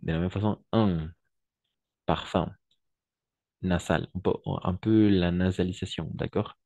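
A man's voice: low voice, fairly even intonation, a little slow, mellow, dry recording. A man teaching French in an online class, patiently repeating each word and translating into Spanish. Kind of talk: online language lesson.

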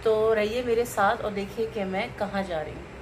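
A lifestyle vlogger chats to her viewers in casual narration, sounding upbeat and enthusiastic as she recommends things. Her mid-range voice holds a steady tone at a moderate pace, picked up by a phone camera held at arm's length.

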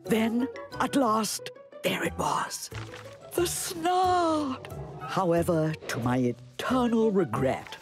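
An earnest, high-voiced explorer. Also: female voice, expressive, slow pace, music in the background. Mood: earnest, dramatic. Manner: earnest, dramatic, formal phrasing. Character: earnest adult female explorer chasing a shy creature. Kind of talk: cartoon narration of an expedition diary.

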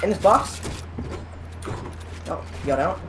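A young man griping and cussing at the game while chatting quickly with his squad. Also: high-pitched, animated. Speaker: gamer on voice chat. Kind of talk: casual gaming banter. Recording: noisy voice chat over game audio.

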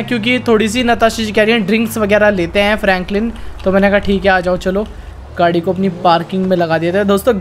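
A man's voice: high voice, a bit bright, slight background noise. A man hosting a gaming channel, giving chatty gameplay commentary and constantly calling his viewers friends and brothers as he playfully narrates his character's romance.

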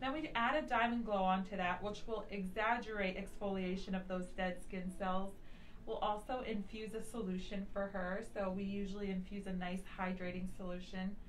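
A woman's voice: medium pitch, flat delivery, moderate pace. A woman in her thirties speaking through a face mask, slightly muffled, informally explaining a treatment as a nurse practitioner on a live video. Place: small indoor treatment room. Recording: noisy room ambience.

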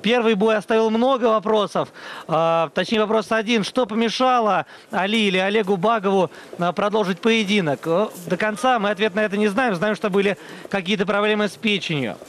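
A man giving live fight commentary, measured, with hesitant pauses. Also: high voice, a bit bright. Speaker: sports commentator.

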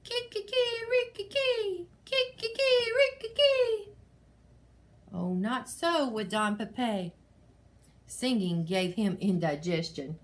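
A woman reading a picture book aloud in an expressive storytelling manner. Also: mid-range voice, slow. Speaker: story reader.

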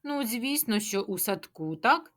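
A woman teaching a speech lesson to preschoolers, asking questions, answering them herself and chanting tongue twisters slowly. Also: fairly high pitch, lively intonation, a bit bright. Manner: sing-song, drawn-out tongue-twister chanting. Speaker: kindergarten teacher.

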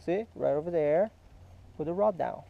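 By a small creek in a park, a fishing vlogger patiently coaches and quizzes a child in a casual teaching chat. His voice is on the high side and gravelly, with lively intonation and a moderate pace. A head-mounted action camera captures narrow, tinny audio.

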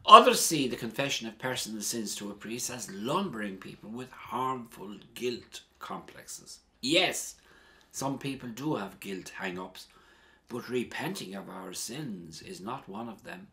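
Bright-voiced priest preaching emphatically. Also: male voice, very animated, creaky. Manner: emphatic, with strong rises and drops in pitch and loudness; earnest, measured preaching. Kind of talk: sermon.

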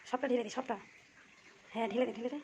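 A woman's voice: fairly high pitch, fairly even intonation, fast talker, dark tone, slight background noise. A woman, a mother, chatting casually at home as she films her children, giving step-by-step orders and coaxing them along. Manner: bossy step-by-step instructions, coaxing. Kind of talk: casual home vlog chat. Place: family home.

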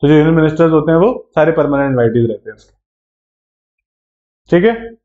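A man's voice: fairly high pitch, fast talker, mellow. A man with an Indian English accent, teaching a live online exam-prep class in a chatty way and checking in with his students often. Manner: chatty, checks in with frequent tag questions. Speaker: law entrance exam teacher. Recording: echoey room, dull lo-fi sound.

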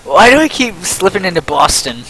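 A young man livestreaming a game with a friend, excitable and jokey, reading prompts aloud as he plays. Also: sits high, normal speed, crowd noise, poor audio. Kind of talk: casual gaming chat.

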